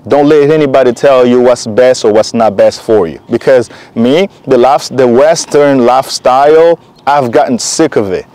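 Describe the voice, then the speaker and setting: A young vlogger from Congo Kinshasa gives earnest, encouraging motivational talk in loose, rambling sentences. His medium-pitched, darkish voice moves at a moderate pace with hardly any pauses.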